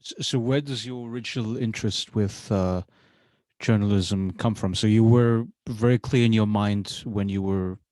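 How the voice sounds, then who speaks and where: A man hosts a casual podcast interview in a fairly low voice, pausing often and filling the gaps with uh. The recording is dry and close, with no room sound around him. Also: fairly even intonation, mellow, no echo. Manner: hesitant, many uh fillers. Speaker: podcast host. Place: university setting.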